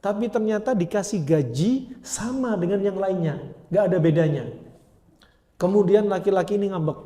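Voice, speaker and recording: A man's voice: high voice, normal speed, warm tone, echoey room. A man preaching an Islamic study lecture, retelling stories in colloquial speech sprinkled with Arabic phrases.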